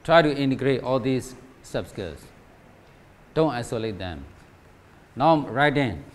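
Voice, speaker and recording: A man's voice: mid-range voice, animated, a little slow. A man from Myanmar giving a teacher training lecture, asking rhetorical questions and checking in with "right?" and "okay?" after nearly every point. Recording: faint background noise.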